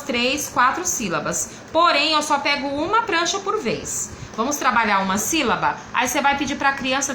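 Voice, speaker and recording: A woman's voice: on the high side, roomy sound, background noise. A woman literacy teacher with a Brazilian Portuguese accent, explaining classroom activities step by step. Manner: explains step by step, sometimes acting out prompts to a child. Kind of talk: instructional explanation.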